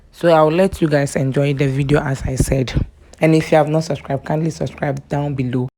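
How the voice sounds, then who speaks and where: A woman talks through a makeup tutorial in a casual, chatty way. Her voice sits low and has a gravelly fry to it. She is warm toward her audience and keeps saying "yes" as she moves between steps. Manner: chatty and affectionate, repeats "yes" often. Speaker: beauty vlogger.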